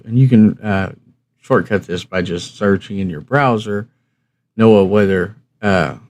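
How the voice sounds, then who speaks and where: A man with a lowish, darkish voice hosts a hobby livestream, giving casual instructional talk. His style is folksy and conversational, and he keeps asking himself questions before answering them.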